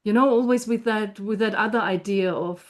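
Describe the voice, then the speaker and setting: A woman's voice: mid-range voice, normal speed. A woman with an Austrian German accent co-hosting a casual talk, curious and engaged. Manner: warm, inquisitive interviewer, laughs easily. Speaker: co-host. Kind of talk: casual conversation.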